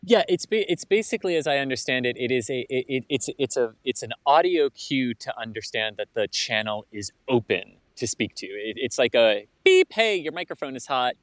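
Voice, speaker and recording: A man co-hosting with casual, informative explanations in a somewhat halting delivery. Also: medium pitch, dry recording. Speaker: co-host explainer.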